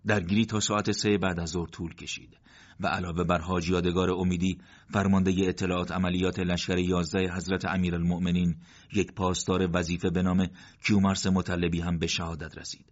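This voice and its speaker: A man narrating a war story in a steady, measured reading. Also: low voice. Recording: dull lo-fi recording.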